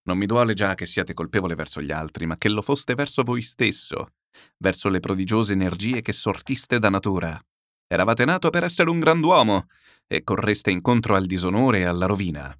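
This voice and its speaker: A man voicing a calm, pious older man who admonishes gently, slow and grave. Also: low-pitched, no echo, studio quality. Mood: grave gentle. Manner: slow, grave, quietly reproachful.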